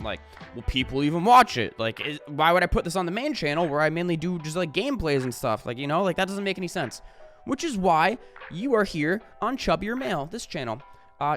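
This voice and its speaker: A man's voice: sits high, fairly bright tone. A man talking to camera in a casual vlog, rambling with lots of fillers and casual swearing. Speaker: YouTuber.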